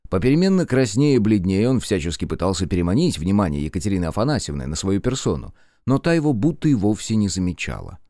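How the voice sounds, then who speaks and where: A man narrating an audiobook in a low, mellow voice. His reading moves lively up and down in pitch. The recording is dry and close. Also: quick pace, hardly any pauses, dry recording. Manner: expressive storytelling.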